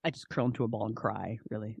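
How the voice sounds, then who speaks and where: A fast-talking woman with a bass voice, vocal fry and fairly even intonation sounds a little mellow and slightly rough, with no echo. As an independent entrepreneur on a podcast, she's casual and passionate, repeating key phrases for emphasis.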